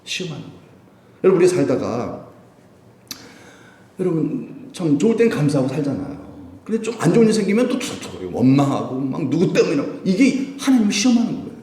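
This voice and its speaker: Animated middle-aged male pastor, echoey church. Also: on the high side, fast talker. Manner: animated preaching, acting out voices, laughing. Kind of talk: sermon. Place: church sanctuary.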